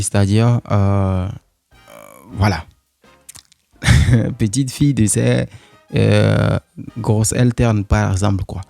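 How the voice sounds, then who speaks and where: A man teaching a German lesson in French, slowly repeating words, with many fillers and asides to viewers. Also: lowish voice, gravelly, mellow, dry recording. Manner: slow, repetitive, with many fillers.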